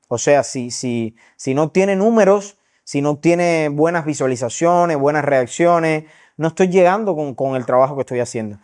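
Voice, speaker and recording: A man's voice: a little high, a little mellow. A young Cuban man with a Cuban Spanish accent, a journalist giving earnest, argumentative interview answers and often checking in with tag questions. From Cuba. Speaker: journalist and social media commentator.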